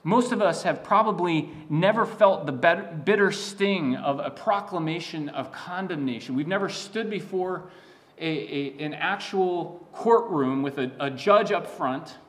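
A man's voice: fairly high pitch, measured pace, a bit bright. A man preaching a sermon as a pastor, teaching in an earnest, emphatic way with frequent restarts and asides.

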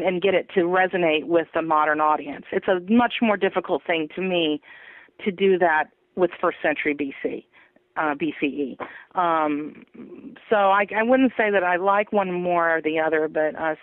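A woman author telling her story in an animated, laughing way during an interview. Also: fairly low pitch, moderate pace, no room sound. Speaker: author guest. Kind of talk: interview over phone. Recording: tinny phone line, dry.

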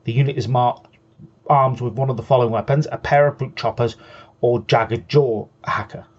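A man's voice: medium pitch, steady tone, normal speed, a little mellow, breathy edge, lo-fi sound. A man co-hosting a hobby show, patiently explaining game rules in casual chat and often restarting his sentences. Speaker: co-host.

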